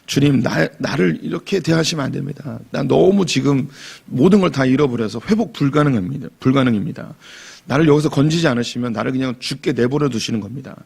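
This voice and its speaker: A man's voice: mid-range voice, a little fast, creaky, a little mellow, husky. A man voicing a grieving, complaining sufferer. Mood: aggrieved pleading. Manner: pleading, aggrieved complaint. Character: suffering man pouring out bitter laments to God.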